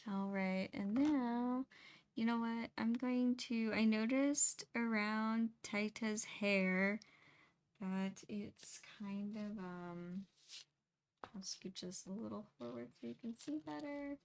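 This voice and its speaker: A woman's voice: a little high, takes it slowly, creaky, smooth. A young woman chatting casually and a little sleepily as she paints, rambling and laughing often. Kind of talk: casual chat while painting.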